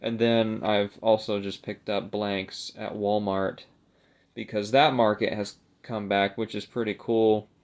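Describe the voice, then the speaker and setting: A young video creator holds up a collectible and chats in a lowish, flat, unhurried voice. The talk is casual and unscripted, meandering and halting, with a self-mocking tone.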